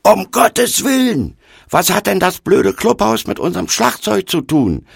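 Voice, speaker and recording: A man shouting as a burly, hot-tempered young man. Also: high voice, very animated, measured pace, gravelly, slightly rough, no echo, clean studio sound, voice pushed up, exaggerated voice. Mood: furious. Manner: shouting loudly.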